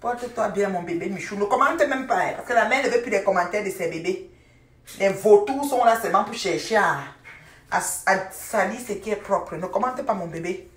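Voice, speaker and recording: An older woman chats on a live stream from her home, warm with pet names and quick to laugh. Her voice sits a little back from the mic. A roomy echo hangs around each phrase. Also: medium pitch, distant mic. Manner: chatty and affectionate, repeats pet names, laughs often. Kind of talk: casual live-stream chat with viewers. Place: at home, indoors.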